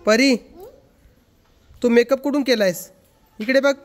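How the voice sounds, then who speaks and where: A man's voice: extremely high pitch, fairly even intonation, unhurried. A man hosting a casual family vlog, chatting with relatives and teasing the children in a playful, talkative way. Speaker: family vlogger.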